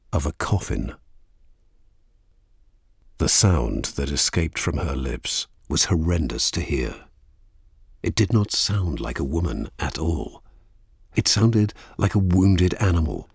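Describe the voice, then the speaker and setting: Very deep, husky male storyteller. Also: no room sound, studio quality. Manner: measured and dramatic. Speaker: narrator. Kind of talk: dramatic audiobook narration.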